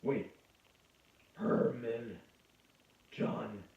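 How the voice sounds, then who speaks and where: A man's voice: medium pitch, extremely slow, vocal fry, warm tone. A man giving a crude, rambling comic history lecture, cursing and interrupting himself. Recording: echoey, distant, dull lo-fi room sound.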